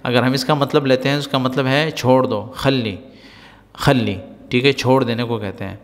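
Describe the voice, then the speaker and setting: Male teacher, patient repetitive explaining, mid-pitched voice, long reverb. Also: fairly even intonation. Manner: patient, repetitive explaining with frequent "right?" checks. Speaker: Arabic teacher. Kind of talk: spoken Arabic lesson explained in Urdu.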